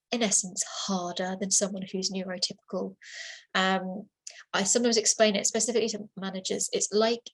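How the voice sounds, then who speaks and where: A rough recording catches a woman's mid-range voice as she presents a webinar on a computer mic in her role as a workplace assessor. Chatty and informal, she goes over points again and uses plenty of fillers and restarts.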